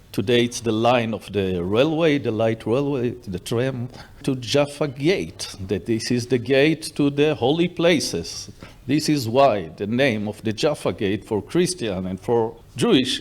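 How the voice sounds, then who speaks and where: A middle-aged man, a tour guide speaking to an event audience in a hotel, in halting English with repeated phrases. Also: mid-range voice. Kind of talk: guided history talk to an audience.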